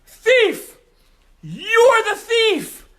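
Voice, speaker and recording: A man voicing a wise old rabbi in a children's story, speaking with lively emphasis. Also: very high voice, a little slow, pitched above the performer's own voice, exaggerated voice. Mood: accusing. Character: wise old male rabbi, calm and sharp-eyed.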